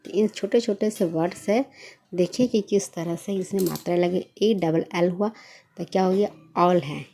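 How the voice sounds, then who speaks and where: A woman's voice: lowish voice, moderate pace, warm tone, a little hiss or hum. A young woman teaching a basic English reading lesson, who asks a question and then answers it herself, patiently spelling out each word.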